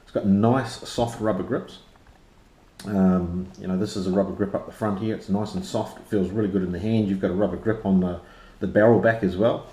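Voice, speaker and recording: Casual male reviewer, broad Kiwi accent, low relaxed voice, informal and slangy, recorded in a roomy echo. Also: brisk. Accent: broad New Zealand. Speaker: product reviewer and interviewer. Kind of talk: casual unscripted review chat. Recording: roomy, echoey sound.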